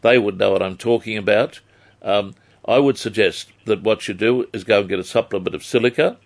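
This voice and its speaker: Low-voiced Australian man giving measured advice. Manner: measured, formal wording. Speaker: health advice expert on radio. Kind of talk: live phone-in advice.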